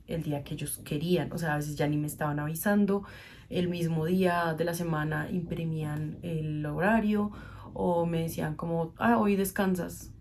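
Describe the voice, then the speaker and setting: A woman's voice: on the low side, a little hiss or hum. A young woman, telling a personal story as a vlogger and acting out the people she quotes. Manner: animated storyteller, acts out quoted dialogue. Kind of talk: casual storytime vlog.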